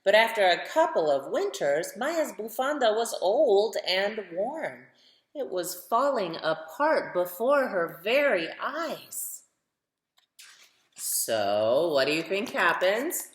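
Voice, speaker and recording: A woman with a mid-range voice reads a picture book aloud to children, very animated and slow, asking her young listeners questions along the way. The storytime recording sounds roomy and echoing.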